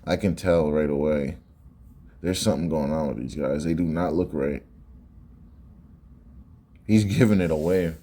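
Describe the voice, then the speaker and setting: Very deep-voiced man giving casual commentary. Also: measured pace, long pauses, warm tone. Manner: conversational, repeats phrases for emphasis. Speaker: sports reaction commentator.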